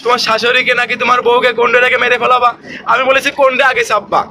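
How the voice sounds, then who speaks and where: A man with a very high voice plays a bossy driving instructor, talking fast and repeating his orders. He scolds steadily from the passenger seat, and road noise is clear behind him. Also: little pitch movement. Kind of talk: comic driving lesson skit. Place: in a moving car.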